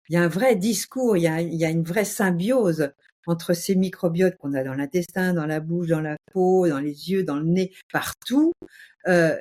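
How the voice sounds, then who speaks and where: A woman's voice: on the low side, mellow. A woman speaking as a guest, explaining passionately in a casual, emphatic way with vivid exaggeration.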